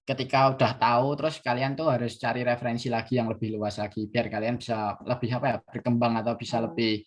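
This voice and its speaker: A man's voice: medium pitch, flat delivery, fast talker. A young man giving a casual online design class, talking hesitantly with many fillers and restarts. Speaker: workshop speaker.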